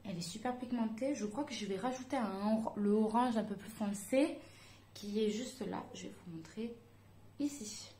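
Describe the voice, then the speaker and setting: A woman's voice: on the high side, normal speed, mellow, a little hiss or hum. A woman chatting casually through a makeup tutorial, hesitant and full of fillers as she talks to her viewers. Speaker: beauty vlogger. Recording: echoey room.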